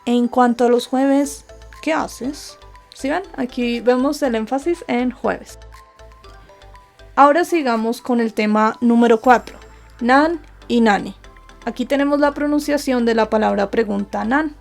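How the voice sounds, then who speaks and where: High, gravelly-voiced woman teaching. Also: a little mellow. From Colombia. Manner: patient, asks rhetorical questions and answers them. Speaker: Japanese teacher. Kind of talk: explaining grammar lesson over slides. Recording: faint background music.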